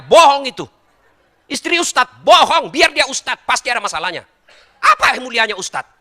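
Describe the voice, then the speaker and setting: Lively, bright-voiced man preaching humorously. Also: very high-pitched. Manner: joking, animated, teasing the audience directly. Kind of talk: humorous sermon.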